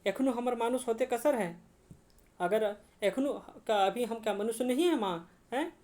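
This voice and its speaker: A woman's voice: fairly high pitch, unhurried, darkish tone, lightly acted. A woman with a Jharkhand Khortha accent reads out the lines of an educated young revolutionary man pleading with his mother. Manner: plain reading of dialogue lines.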